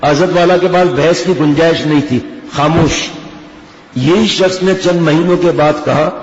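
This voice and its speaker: An older man delivers a sermon in an earnest manner, asking rhetorical questions and acting out quoted dialogue. His voice sits a little high for a man. It rings with long reverb through a large hall and sounds slightly dull. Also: steady tone. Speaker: religious scholar giving a talk. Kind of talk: Urdu sermon.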